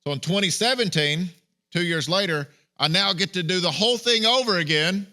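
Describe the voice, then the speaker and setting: A man's voice: high-pitched, fairly quick, sharp tone. A man in his thirties preaching, telling a personal story in a conversational way and acting out the people he quotes. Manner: conversational, acts out quoted dialogue.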